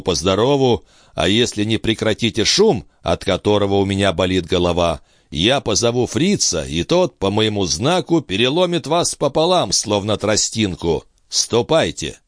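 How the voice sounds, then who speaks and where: A man voicing a tired, haughty count who answers slowly and with calm disdain. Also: on the low side, no room sound, studio quality. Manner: slow, languid, condescending.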